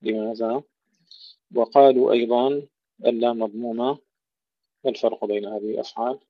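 Male recitation teacher, mid-pitched and mellow, alternates slow chanted verses with brisk correction, dull dry recording. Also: steady tone, no room sound. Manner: slow melodic recitation, then brisk explanation of pronunciation errors. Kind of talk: recitation and tajweed lesson.

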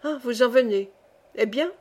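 A woman's voice: fairly high pitch, normal speed, close to an everyday voice. A woman voicing a grand male angel who keeps a ledger, speaking formally and asking pointed questions. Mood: solemn.

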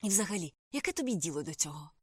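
A woman reading an audiobook voices a rude, impatient young woman with loud, snapping outbursts. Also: fairly low pitch, very animated, very fast, slightly rough, no room sound, clean studio sound. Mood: brash.

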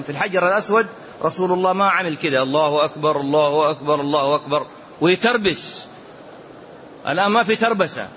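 A man's voice: sits high, a bit bright, slight background noise. Emphatic man teaching a religious lesson. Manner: emphatic, repeats phrases, stretches out quoted verses. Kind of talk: religious lesson explaining a poem. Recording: dull lo-fi lecture recording with faint ambience.

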